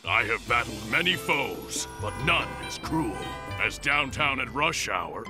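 A man's voice: mid-range voice, very animated, unhurried, music in the background. A man voicing an earnest, put-upon dinosaur warrior in a cartoon, with a dramatic, grumbling delivery. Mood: grandly weary. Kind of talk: animated cartoon voice acting.

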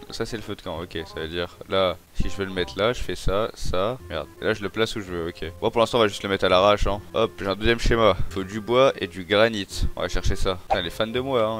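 A young man giving casual let's play commentary, excitable, swearing and yelling at enemies. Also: on the low side. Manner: excitable, swears, yells at enemies, addresses viewers as brothers. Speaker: gaming YouTuber.

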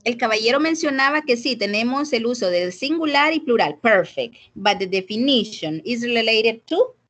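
A woman's voice: fairly high pitch, lively intonation, moderate pace, fairly bright tone. A woman with a Salvadoran Spanish accent teaching an English class over a video call, switching between Spanish and English and questioning students. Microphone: computer mic on a video call.

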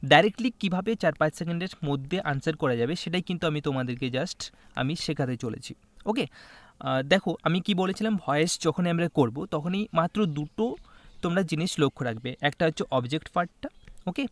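Young man, exam coaching teacher, coaxing, keeps asking if it's clear, slightly high voice, dry close recording. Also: expressive, fairly quick, dry recording. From West Bengal, India. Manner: coaxing, checks in often with "okay?". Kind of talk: online English grammar lesson in Bengali.

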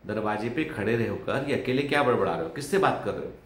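A man voicing a busy housewife who talks briskly and scolds a little in a storytelling vlog. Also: on the low side, animated, lightly acted. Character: busy housewife calling from inside. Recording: roomy echo.

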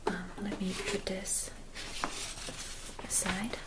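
Slow, soft whispered role-play by a young woman. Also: mid-range voice, completely flat delivery. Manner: soft, whispery, gentle and unhurried, attentive. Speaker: ASMR performer playing a spa clinic receptionist and therapist. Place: small dim room at home.

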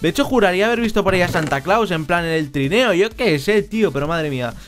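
A man with a Spain Spanish accent giving casual, joking commentary over his gameplay, talking at home into a headset mic and now and then bursting into shouts. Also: high-pitched, lively intonation, fast, faint music behind. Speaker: Minecraft gameplay YouTuber.

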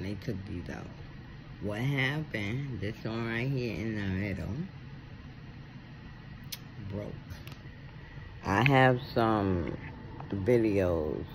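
A middle-aged American man chatting casually to a phone camera with halting, toothless speech. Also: fairly low pitch, background noise. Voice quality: toothless, soft-edged articulation. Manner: halting, with long pauses. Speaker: video blogger. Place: indoors at home, reclining. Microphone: phone at arm's length.

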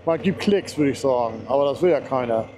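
A man's voice: mid-range voice, lively intonation, a little fast, dark tone, a little hiss or hum. A man giving a casual, enthusiastic running commentary to viewers while riding a motorcycle on a mountain road, talking through a helmet mic. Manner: chatty, enthusiastic, talks to himself and viewers. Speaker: motorcycle vlogger.

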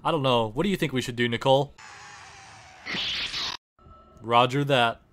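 Over game music, a man voices the player character in his comedic parody dub, sounding sarcastic, fed up and foul-mouthed. His voice is medium-pitched and moderately paced.

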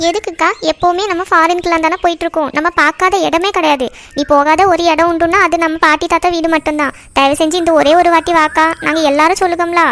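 Cartoon younger sister voiced by a woman: teenage, earnest, persuasive, high quick voice. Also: steady tone, a bit bright. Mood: coaxing.

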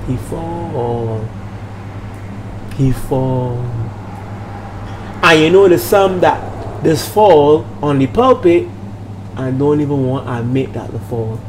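An older Bajan man with a fairly high voice speaks slowly, leaving long pauses, as a minister hosting his own vlog. His casual talk is preachy and emphatic, full of repeated phrases and check-ins with listeners. He records in a small room at home, where a steady hum runs under the noisy audio.

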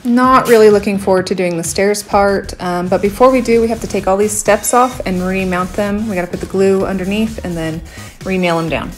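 A woman in her thirties narrating her home renovation vlog casually, chatty and blunt, often pausing with "um". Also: mid-range voice, faint music behind. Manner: chatty, blunt, with frequent "um" fillers.

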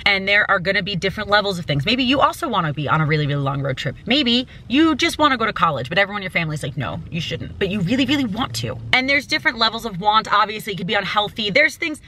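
A young woman in her twenties giving an animated motivational talk to camera from inside a parked car. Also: mid-range voice. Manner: animated, gestures a lot, mimics doubting voices. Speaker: travel vlogger. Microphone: small camera's built-in mic at arm's length.

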